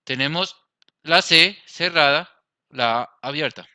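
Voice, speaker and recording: A man's voice: a little high, slow pace, pushed and bright, clear, resonant tone, no room sound. A man with a Colombian accent teaching a Spanish grammar lesson, explaining step by step and checking in with his class. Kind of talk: grammar lesson over slides.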